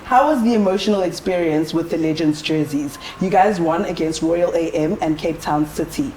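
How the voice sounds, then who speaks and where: A woman's voice: on the low side, moderate pace, mellow, a little hiss or hum. A South African woman co-hosting a podcast conversation, guiding it in an upbeat way. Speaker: podcast co-host.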